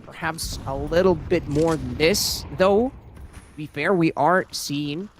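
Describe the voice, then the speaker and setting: Higher-pitched male esports caster. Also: slow. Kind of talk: live esports commentary.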